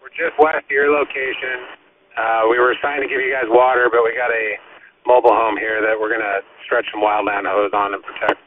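A man's voice: mid-range voice, level tone, brisk, crowd noise. A man working as a firefighter, giving matter-of-fact reports in fireground radio traffic. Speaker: firefighter, engine crew. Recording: noisy phone-like radio channel.

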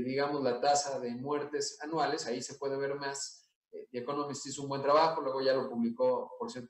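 A middle-aged man with a Mexican accent gives an analytical conference talk over a video call, full of fillers and asides. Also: mid-range voice. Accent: Mexican Spanish. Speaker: conference speaker. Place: indoor room. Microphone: webcam on video call. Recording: echoey room, mic at a distance.

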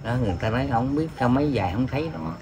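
A man in his seventies from An Giang with a Southern Vietnamese accent, answering interview questions about his missing daughter in a halting, hesitant way full of fillers. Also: medium pitch, animated, crowd noise. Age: 70s. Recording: noisy background.

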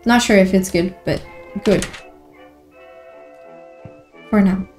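Slow-talking woman narrating a horror game. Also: mid-range voice, a little mellow, faint music behind. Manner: easily startled, talks to herself. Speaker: gameplay streamer.

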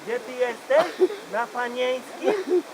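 This live comic bit from a bachelor party has a man in an extremely high voice impersonating a gossiping, crude woman on a phone call, with wandering fillers and wordplay. He talks slowly over a crowd in the background, and the audio is poor.

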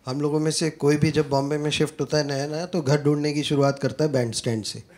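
A young man from Uttar Pradesh doing an animated stand-up comedy set, switching between Hindi and English and acting out the people in his stories, on a comedy club stage with a handheld mic. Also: fairly high pitch, fast talker. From Uttar Pradesh, India. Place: comedy club stage before a live audience. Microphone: handheld corded mic. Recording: live club recording with audible crowd noise. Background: audience laughter.

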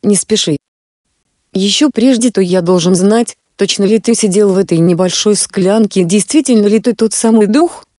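A woman voicing a bold, cheeky young peasant man in a read-aloud fairy tale, with a mellow tone in a dry recording. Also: medium pitch, moderate pace, no echo, lightly acted. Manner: fearless and mocking.

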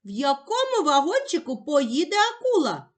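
A woman teacher giving a slow, clearly articulated lesson for young children. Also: sits high, wildly swooping pitch.

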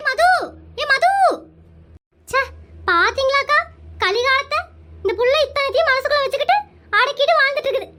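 A loud, scolding middle-aged aunt, put on by a performer, in a comic cartoon. Her voice sits very high and rings out forcefully. She boasts and grumbles in a hearty village manner. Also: brisk, pauses often. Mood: loud indignant.

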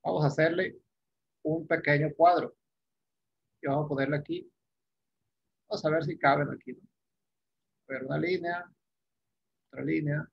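A male teacher with a gravelly, fairly high voice explains the exercise patiently. He often repeats himself and adds quick tag questions. The recording is dull and lo-fi. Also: steady tone. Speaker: English teacher.

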